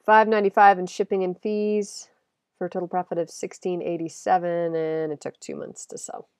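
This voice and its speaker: A woman's voice: lowish voice, steady tone, moderate pace, no room sound. A woman with a congested, nasal voice from a cold, chatting casually through her sales recap, rambling and correcting herself. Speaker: eBay reseller vlogger.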